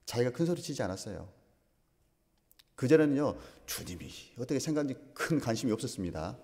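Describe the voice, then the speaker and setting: Mellow-voiced male pastor in reverberant hall. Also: medium pitch, lively intonation. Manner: asks the congregation questions, slow emphatic phrasing. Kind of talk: sermon. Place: church sanctuary. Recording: long reverb of a church hall.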